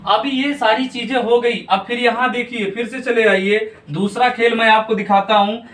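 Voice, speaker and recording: A man's voice: very high voice, fairly even intonation, normal speed, a bit bright, slight background noise. A man teaching English grammar in a video lesson, asking his students questions, answering them himself, and checking in often. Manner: checks in often with "theek hai na". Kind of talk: classroom-style video lesson. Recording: echoey room, mic at a distance.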